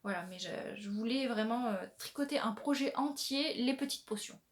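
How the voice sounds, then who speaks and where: A woman hosting a knitting podcast, chatting casually with many pauses and restarts as she shows her yarn. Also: fairly high pitch. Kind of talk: casual show-and-tell chat.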